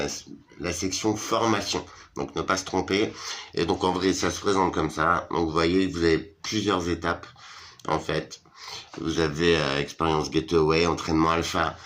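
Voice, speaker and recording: Tired man vlogger with a low voice, informal and hesitant, lots of fillers. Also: a bit bright. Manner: hesitant, many fillers, slangy and familiar. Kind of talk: casual chat to followers.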